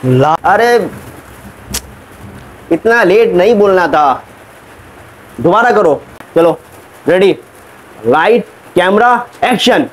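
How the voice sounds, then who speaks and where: Brief: man as an exasperated film director, high-pitched, scolding, barking slow cues. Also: lively intonation, slight background noise, rough recording. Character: impatient shouting male film director, adult. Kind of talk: comic short film acting.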